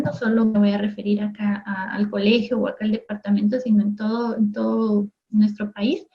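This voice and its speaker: A woman's voice: a little high, mellow, lo-fi sound. A woman teacher giving a lesson for television in a conversational way, often checking in with her students. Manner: acts out everyday voices in quick asides. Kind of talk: recorded classroom lesson for TV.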